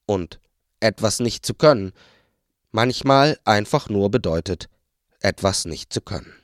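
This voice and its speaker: Low-voiced man reading a story aloud. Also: lively intonation, a little slow, no echo, clean studio sound. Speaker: narrator. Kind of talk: audiobook reading.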